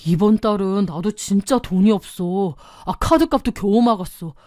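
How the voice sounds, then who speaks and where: A woman's voice: mid-range voice, normal speed, a little mellow, no room sound, clean studio sound, natural voice. A woman voicing a cornered middle-aged husband who pleads nervously. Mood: pleading.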